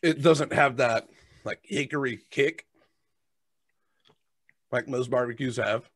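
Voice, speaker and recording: A man's voice: mid-range voice, slow, slightly rough, no echo. American man casually reviewing snacks, dry close sound. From United States. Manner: matter-of-fact, eats crunchy snacks while reviewing. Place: indoors, at a desk on a video call. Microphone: headset.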